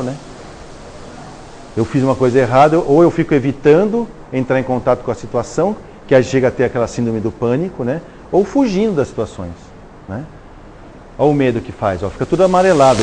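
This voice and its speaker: A man's voice: medium pitch, darkish tone, a little hiss or hum. Chatty brazilian man giving a lecture. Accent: Brazilian Portuguese. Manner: conversational, acts out dialogues, frequent "né?" tag questions. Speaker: spiritist lecturer. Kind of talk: live lecture. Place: lecture hall at a live event.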